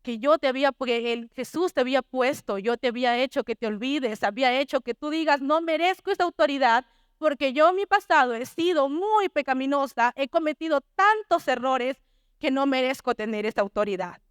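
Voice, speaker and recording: An angry male demon taunts in a low, slow, resentful way, put on by a woman retelling a dream. The voice dips below her naturally high register, and the sound is dry and close. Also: clear, resonant tone, no echo, lightly acted. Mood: taunting.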